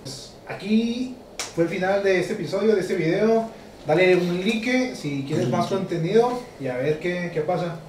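A man's voice: high-pitched, animated, a little slow, a little mellow. A man with a Mexican accent, hosting a podcast and asking his friends questions with slangy reactions. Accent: Mexican Spanish. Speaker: podcast host. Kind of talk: casual chat among friends. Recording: echoey room, distant mic, faint hiss.

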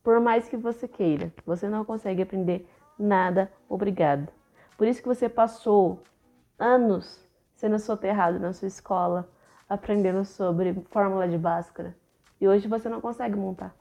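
A woman's voice: medium pitch, moderate pace, vocal fry, dark tone, faint music behind. A woman co-hosting a podcast as an English teacher, explaining points in a teacherly way and often checking in with listeners. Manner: explanatory, teacherly, tags with frequent "né?". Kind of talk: casual podcast chat.

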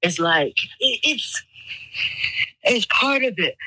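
A woman with a raspy voice talking candidly in a casual chat as a guest. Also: mid-range voice, expressive, takes it slowly, sharp tone, dry recording, poor audio.

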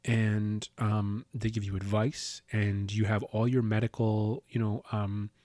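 A man's voice: lowish voice, little pitch movement, measured pace, darkish tone, no echo, studio quality. A man telling stories in a casual, rambling way, with lots of restarts and casual swearing. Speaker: podcast host. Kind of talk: casual storytelling.

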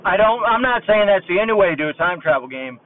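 A man calling in a voice message from his car over a low-quality hands-free phone line, chatting in a relaxed, rambling way. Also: fast, no room sound. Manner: relaxed and chatty, thinks aloud. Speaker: caller leaving a voice message. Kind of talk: casual rambling chat. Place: driving in a car. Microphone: car hands-free phone mic.

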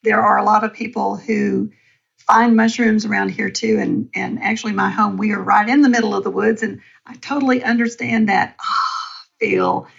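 Bubbly, gravelly-voiced woman podcast host. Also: mid-range voice, steady tone, normal speed, lo-fi sound. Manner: bubbly and enthusiastic. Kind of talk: casual podcast interview. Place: home in the woods.

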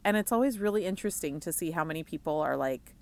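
A young woman co-hosting a casual chat, animated and laughing often as she acts out quoted lines. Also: low voice, fast talker. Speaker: podcast co-host.

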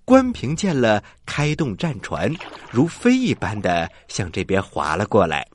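A man's voice: lowish voice, huge pitch swings, measured pace, slight background noise. A man hosting a children's story show, telling tales in a dramatic style. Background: faint music.

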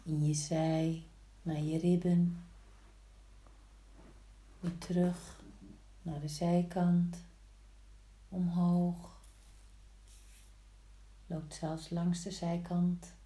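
A woman guiding a yoga practice slowly, in a soft, soothing, hushed voice with long pauses between short instructions. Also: fairly low pitch, flat delivery. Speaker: yin yoga teacher. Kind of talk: slow guided yoga instruction. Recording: roomy, echoing sound.

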